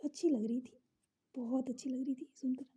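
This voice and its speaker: A woman narrating a romance story in a soft, half-whispered, breathy voice. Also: sits high, steady tone, fairly quick, highs cut off.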